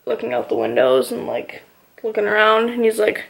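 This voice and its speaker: A woman's voice: medium pitch, big pitch swings, moderate pace, vocal fry, slightly rough. A woman vlogger casually telling a personal story, rambling and filling her talk with "you know" and "like".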